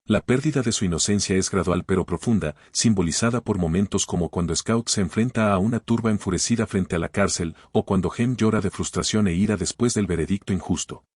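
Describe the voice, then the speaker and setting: A man hosting a podcast, reading scripted literary commentary in a measured, formal way and posing rhetorical questions. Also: deep voice, darkish tone, breathy edge, no echo, clean studio sound. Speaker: podcast host.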